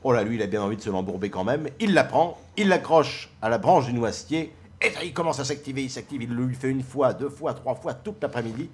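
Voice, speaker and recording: A man's voice: mid-range voice, expressive, a little fast, few pauses. A man hosting a comedy round table, telling a bawdy country joke and acting out its lines. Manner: playful, laughs often, acts out the joke's lines.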